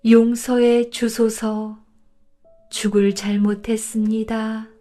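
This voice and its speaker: A woman's voice: mid-range voice, measured pace, darkish tone, faint music behind, close to an everyday voice. A woman voicing an arrogant young male scholar from the capital who scolds and then begs. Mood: pleading. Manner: haughty scolding, then begging.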